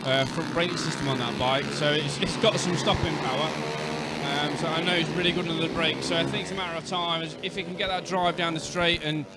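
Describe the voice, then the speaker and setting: A man's voice: fairly high pitch, fairly even intonation, brisk. A man giving conversational motorsport colour commentary in an informal, chatty way. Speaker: co-commentator and rider. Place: outdoors at a race track. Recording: very loud engine and outdoor track noise.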